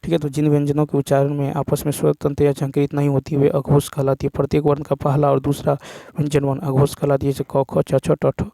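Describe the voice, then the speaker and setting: A male tutor walks through an exam paper question by question, naming the right option and explaining the rule behind it. His voice is mellow and even, with little rise and fall, and the recording is dry and close. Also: fairly high pitch, a little fast, creaky, no echo. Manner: steady explanatory delivery, repeats answers with "ठीक है" and "next". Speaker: teacher. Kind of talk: exam answer-key walkthrough lesson.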